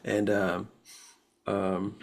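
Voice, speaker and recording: A man's voice: fairly low pitch, flat delivery, very slow, vocal fry. A man co-hosting a casual chat, speaking hesitantly and trailing off. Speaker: co-host.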